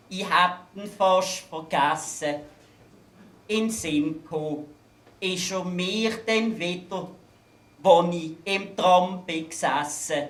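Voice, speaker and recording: A man's voice: high-pitched, a bit bright. A man with a Basel Swiss German accent performing satirical carnival verses on stage. He lands his punchlines in a dry, wry way. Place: event stage in a hangar. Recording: roomy hall echo.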